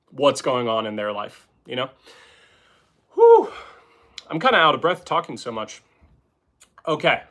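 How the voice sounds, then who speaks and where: A man who is a drummer and channel host, chatting casually on a live stream from home, relaxed and rambling with lots of filler words. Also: medium pitch. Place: home, playing snare drum between talk.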